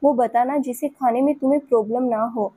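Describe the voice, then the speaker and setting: A woman voicing an affectionate, teasing young man who speaks gently and coaxingly. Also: on the high side, fairly even intonation, a little fast, slightly rough, no echo.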